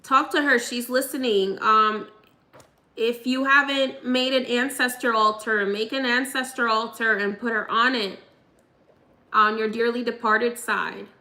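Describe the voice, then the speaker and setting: Young woman medium, higher voice, bright and forceful tone, chatty and laughing as she passes on spirit messages. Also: fairly even intonation, unhurried. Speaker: psychic medium. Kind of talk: live mediumship reading, casual.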